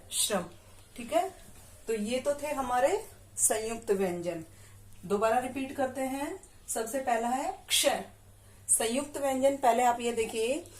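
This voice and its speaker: A woman teaching young children in a classroom lesson. Her voice sits a little high, and she speaks very slowly, stretching out syllables and asking questions as she goes. The room gives her voice a clear echo. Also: a little mellow. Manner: patient, stretches out syllables and quizzes the listener. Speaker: primary school teacher.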